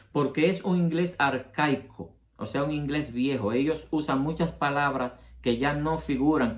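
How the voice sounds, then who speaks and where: A man from the Republic, hosting a history channel and explaining things to his viewers with examples. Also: mid-range voice. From Dominican Republic. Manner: addresses the audience directly, explains with examples.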